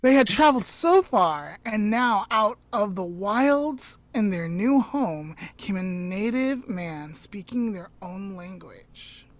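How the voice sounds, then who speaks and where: This rough recording features a woman with a medium-pitched, expressive voice telling her podcast co-host a story at a relaxed pace. She drifts into a soft near-whisper often, with chatty digressions and corrections of herself.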